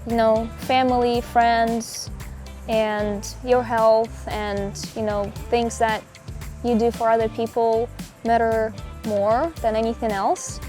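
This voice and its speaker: A young Russian woman, a pro pickleball player appearing as a guest, answers interview questions in English on an outdoor hiking trail. Her slightly high, slightly mellow voice is slow and flat, reflective and casual with small restarts, over soft background music.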